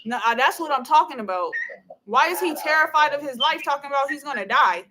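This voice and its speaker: A woman's voice: high voice, animated, a little fast, bright, forceful tone, a little hiss or hum. An upset, anxious woman, a mother on a phone call, pleading insistently and repeating herself. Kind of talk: emotional phone conversation.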